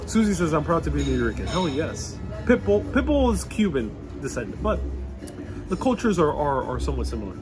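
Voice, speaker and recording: A man's voice: a little high, sing-song, brisk. A man born in Puerto Rico and raised in New York, a travel vlogger chatting casually on a live stream as he reads out viewer comments and riffs on them. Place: outdoors in a European old town. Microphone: wireless clip-on mic. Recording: clear salsa music behind the voice. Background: salsa music playing nearby.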